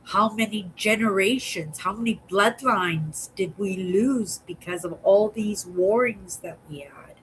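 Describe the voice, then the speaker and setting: A woman's voice: medium pitch, unhurried, few pauses, a little hiss or hum, poor audio. A woman in her sixties who muses aloud in a casual vlog monologue and often ends her thoughts with a questioning "right?". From Canada. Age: 60s. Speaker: vlogger.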